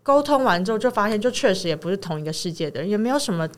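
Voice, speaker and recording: Fast-talking woman telling a story. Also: mid-range voice, a little hiss or hum. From Taiwan. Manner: animated retelling, acts out quoted dialogue. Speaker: podcast co-host. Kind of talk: casual chat, storytelling.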